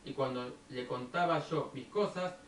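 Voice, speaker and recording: Argentine man telling a story in an echoey room. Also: mid-range voice. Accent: Rioplatense Argentine Spanish. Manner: unhurried, storytelling, moralizing. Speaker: video blogger. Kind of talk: personal storytelling monologue. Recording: echoey room, distant from the mic, faint background noise.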